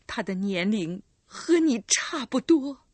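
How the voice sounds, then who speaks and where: A woman's voice: a little high, animated, takes it slowly, a little mellow, no room sound. A woman voicing a grieving vengeful recluse mother. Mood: bitter vengeful. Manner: anguished, pleading, cries out.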